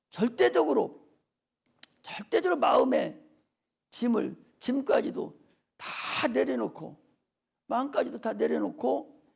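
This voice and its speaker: An older man, a pastor preaching a Friday worship sermon with fervent urging that drops to soft near-whispers. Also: very high-pitched, creaky, breathy edge.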